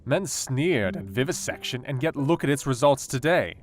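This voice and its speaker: An actor playing a brooding, intellectual Victorian asylum doctor, speaking a measured, formal diary monologue in a radio play. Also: male voice, medium pitch, lively intonation, a crowd in the background, natural voice. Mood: feverishly ambitious. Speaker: actor in an audio drama. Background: guitar music.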